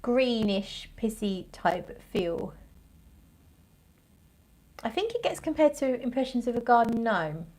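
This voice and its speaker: A woman's voice: a little high, big pitch swings, slow pace, pauses often, a little mellow. A woman hosting a casual livestream as a fragrance reviewer, thinking aloud in a rambling, conversational way and searching for her words.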